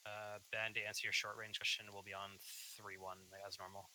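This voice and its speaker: A man's voice: fairly low pitch, little pitch movement, brisk, pushed and bright, slight background noise, rough recording. A man in casual tactical voice chat, leading a squad in a military simulation game.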